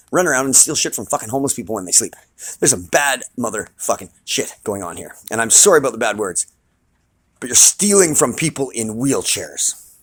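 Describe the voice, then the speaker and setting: A man's voice: medium pitch, fairly bright tone, breathy edge, no room sound. A man ranting on a street vlog, agitated and profane, his voice rising into angry outbursts, recorded on a phone outdoors. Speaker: vlogger filming a street complaint.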